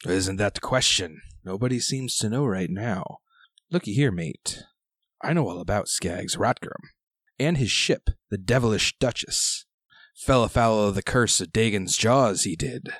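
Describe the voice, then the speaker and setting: A man voicing a gruff, knowing old peg-legged sailor who talks like a salty old fisherman in a tabletop game. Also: on the low side, animated, measured pace, a bit bright, no echo, studio quality. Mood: knowing, conspiratorial.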